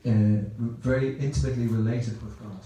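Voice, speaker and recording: Heard in a very echoey temple hall, an Irish speaker rambles through a chatty Sunday talk, repeating words. His voice is mid-range and dark, with fairly even intonation and a slightly fast pace.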